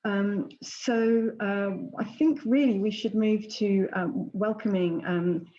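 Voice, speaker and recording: Older female presenter, hesitant, soft-edged mellow tone, slightly dull call audio. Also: mid-range voice, steady tone. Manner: halting, hesitant. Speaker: presenter at an online charity event. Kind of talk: unscripted spoken update. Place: plain room indoors. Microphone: video call. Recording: dull video-call sound.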